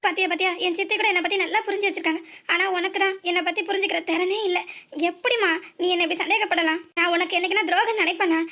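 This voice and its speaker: A woman's voice: extremely high pitch, steady tone, rapid-fire, pushed and bright. A woman voicing a young cartoon husband who pleads and soothes his wife, with a southern Tamil accent. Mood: pleading. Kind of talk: cartoon voice acting.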